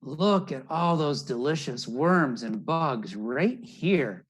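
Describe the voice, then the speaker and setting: An older man with a husky, expressive voice on the high side takes his time reading a children's picture story. Speaking as a naturalist, he explains it over a video call from indoors, captured by the computer microphone.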